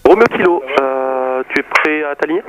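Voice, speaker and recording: A man's voice: fairly high pitch, normal speed, clear, resonant tone, lo-fi sound. A man giving informal, conversational air traffic control instructions over the radio. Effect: radio transmission.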